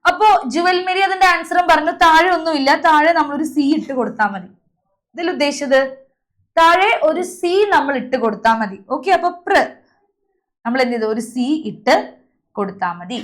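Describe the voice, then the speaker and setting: A woman's voice: sits high, normal speed, fairly bright tone. A young woman teacher leading an online class, calling on students by name and drilling letter sounds over a video call.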